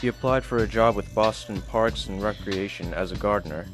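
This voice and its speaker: Low-voiced male narrator over music. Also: fairly quick. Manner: even, read-aloud delivery. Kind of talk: scripted narration. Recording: music playing behind.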